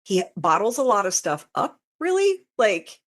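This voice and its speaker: Her voice is medium-pitched and fairly bright, swinging widely in pitch at a moderate pace, as this interview guest walks through how she writes fan fiction. She's casual and detailed but rambling, often interrupting herself.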